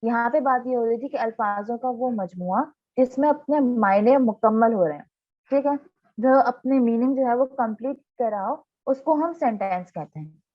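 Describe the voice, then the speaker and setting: A patient woman teacher runs a grammar lesson, breaking each point down step by step and pausing to check that the class is following. Her voice sits a little high, and she reads example sentences slowly and deliberately. The recording is dull and lo-fi. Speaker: English teacher.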